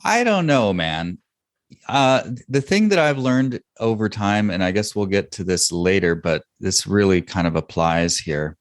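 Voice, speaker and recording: A man's voice: fairly low pitch, expressive, measured pace, no room sound, studio quality. A man telling his business story as a guest on a podcast, talking loosely with fillers. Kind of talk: casual interview.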